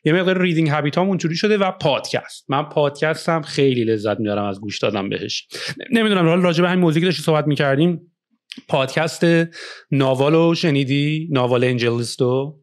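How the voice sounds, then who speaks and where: A man from Iran talks through his startup experience in an easygoing podcast chat. His voice sits a little high, and he keeps sliding into English phrases between fillers and "you know". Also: expressive. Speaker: startup founder. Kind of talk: casual podcast conversation. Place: Canada.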